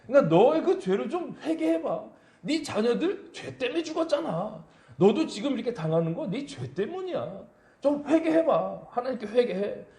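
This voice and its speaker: A preacher playing a preachy, scolding old friend. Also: male voice, very high-pitched, big pitch swings, normal speed, dark tone, pitched above the performer's own voice, full character voice. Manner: preachy, urging repentance. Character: lecturing self-righteous older male friend. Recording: echoey church room.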